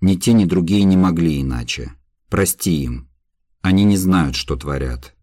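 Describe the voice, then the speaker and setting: A man's voice: low-pitched, expressive, a little slow, dark tone, no room sound, clean studio sound. A man reading the part of a young condemned revolutionary, speaking in an anguished, tender inner voice.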